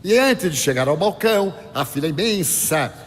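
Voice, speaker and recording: An older man gives a spiritist lecture, his voice sitting high for a man. He tells anecdotes and acts out the dialogue with lively animation. The sound rings with a long reverb from a large hall. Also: moderate pace. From Brazil. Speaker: spiritist speaker.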